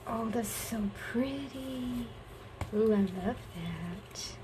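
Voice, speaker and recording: A woman's voice: fairly high pitch, very slow, noisy background. A woman chatting casually to her viewers while she crafts, folksy and affectionate, talking to herself as she works. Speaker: craft vlogger.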